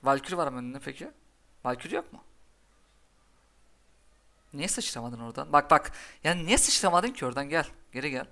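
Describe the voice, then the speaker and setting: A young man commentating his own game live, cheering his cards on and scolding the opponent in quick, excitable bursts. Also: fairly high pitch, creaky. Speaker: gaming commentator.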